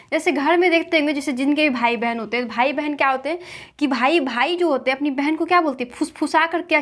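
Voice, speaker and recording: High-voiced woman teaching with questions. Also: a bit bright. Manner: asks rhetorical questions and answers them herself, repeating key points. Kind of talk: classroom-style lesson with memory tricks.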